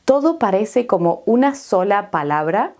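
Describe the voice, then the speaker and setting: An Argentine woman teaching an online Spanish lesson, explaining clearly and deliberately and asking rhetorical questions. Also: medium pitch, big pitch swings, over music.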